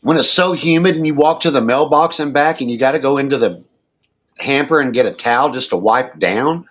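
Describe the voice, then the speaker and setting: A man's voice: medium pitch, a little fast, a bit bright. A man in his fifties chatting casually in a folksy way, swearing easily. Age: 50s. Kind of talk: casual chat. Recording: dull, muffled sound.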